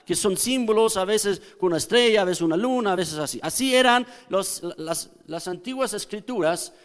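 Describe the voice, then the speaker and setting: A man's voice: sits high, a bit bright. A man preaching a teaching sermon as pastor, explaining step by step and often checking in with his congregation. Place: church hall. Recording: long hall reverb.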